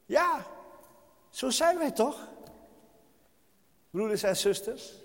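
A man's voice: very high-pitched, expressive, slow pace. A man preaching a sermon to his congregation, impassioned and crying out pleas to God, recorded in a church hall. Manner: repeatedly addresses the congregation. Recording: reverberant hall.

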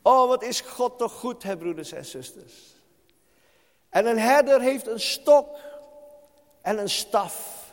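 A man's voice: very high-pitched, expressive, slow pace, pauses often. A man preaching a sermon to his congregation, impassioned and crying out pleas to God, recorded in a church hall. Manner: repeatedly addresses the congregation. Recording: reverberant hall.

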